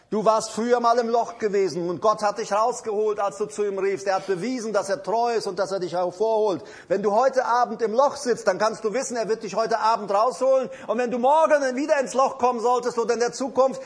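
A man preaching a sermon, emphatic and repetitive, speaking straight to his listeners and swinging between loud declarations and low asides.

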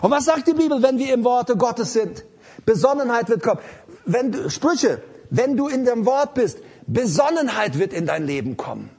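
A man's voice: very high voice, sing-song, moderate pace, a little mellow, husky. A man preaching an emphatic sermon to a congregation and repeating his key lines. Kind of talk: live sermon.

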